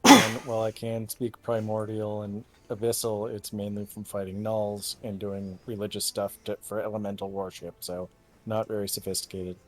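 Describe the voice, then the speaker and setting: Eager low-voiced man at a game table. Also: little pitch movement, moderate pace, soft background music. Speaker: player.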